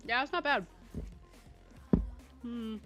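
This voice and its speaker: Eating as she goes, a young livestream host chats with her viewers in a playful, giggly way, laughing often. Her voice is on the high side, bright and forceful, at a slow pace, with faint music in the background.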